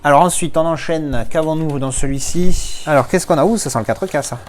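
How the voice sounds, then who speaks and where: A man's voice: on the high side, a little fast, faint music behind. A man from France chatting casually as he unboxes his latest movie discs, rambling with playful asides.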